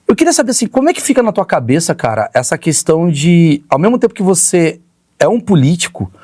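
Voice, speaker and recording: A man's voice: on the high side, very animated, fast talker, dark tone, no echo, studio quality. A man with a Brazilian accent hosting a podcast, asking probing questions in a casual, cursing style. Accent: Brazilian Portuguese. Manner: casual, probing, swears freely. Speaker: podcast host. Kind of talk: podcast interview.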